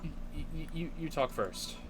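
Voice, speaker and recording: A man's voice: a little high, lively intonation, moderate pace, background noise, lightly acted. A man voicing an anxious, irritable young woman bartender in a game, with a stammering, dramatic delivery. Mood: hesitant. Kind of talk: hobby video game voice-over.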